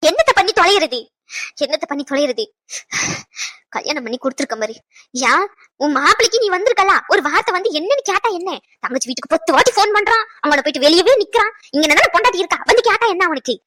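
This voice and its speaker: A woman's voice: extremely high pitch, expressive, fast talker, sharp tone, no room sound, studio quality, exaggerated voice. An actress playing a mother who is upset and scolding about her married daughter, in a serial drama. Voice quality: scolding, exasperated.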